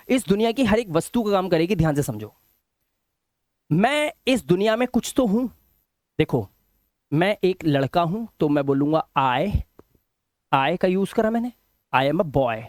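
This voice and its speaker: A male English teacher with a high-pitched, dry voice gives a spoken English lesson in Hindi, recorded dry. He speaks to viewers directly, explains slowly with lots of repetition, and drills word lists in a slow, sing-song rhythm.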